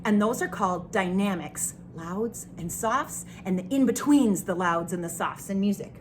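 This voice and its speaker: A woman music teacher talking to young children in an online lesson, asking them questions and telling a story with animated expression. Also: medium pitch, moderate pace, a little hiss or hum.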